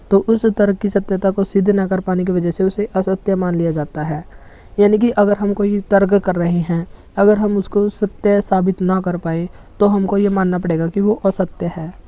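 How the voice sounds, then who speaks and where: A teacher giving an online exam-prep lecture, explaining in Hindi with English terms and reading English examples out slowly. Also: medium pitch, phone-quality sound.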